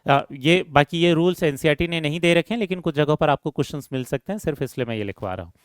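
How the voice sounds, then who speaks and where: A man's voice: fairly high pitch, animated, fast talker, clean tone, no echo, studio quality. Man explaining chemistry with question-and-answer lecturing. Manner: asks the class questions and answers them himself; calls students "beta", repeats key terms. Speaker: chemistry teacher. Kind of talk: classroom lecture.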